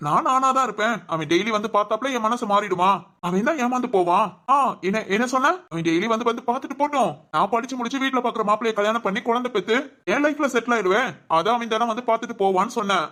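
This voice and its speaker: Cartoon voice: woman playing a brisk, reassuring older brother, mid-pitched, fast talker. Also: natural voice. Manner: gentle, coaxing, affectionate teasing. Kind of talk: cartoon voice acting.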